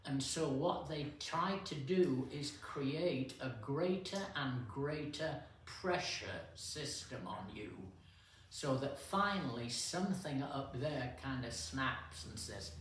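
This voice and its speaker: Slow-talking older man in an echoey hall. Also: mid-range voice, lively intonation, fairly bright tone. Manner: unhurried, anecdotal, with pauses and fillers. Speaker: guest speaker at a men's fellowship. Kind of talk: casual storytelling talk. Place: church hall. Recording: echoey room, distant mic, faint hiss.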